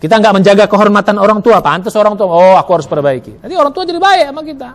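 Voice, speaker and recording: Male preacher, high voice, animated sermon delivery with acted-out inner asides. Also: very fast. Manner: lively, acts out inner dialogue with many "oh" asides. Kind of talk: Ramadan sermon. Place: mosque.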